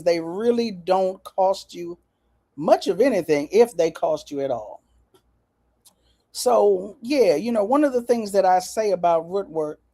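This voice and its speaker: Lively folksy woman host, mellow voice. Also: mid-range voice. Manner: folksy, lively, talks straight to viewers. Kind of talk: casual chat to viewers.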